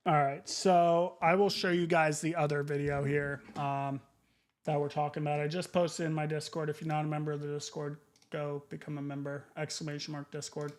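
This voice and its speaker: Male livestreamer, casual and profane, higher-set voice with flat inflection, half talking to himself. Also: fairly quick. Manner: informal, muttering, profane. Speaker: streamer.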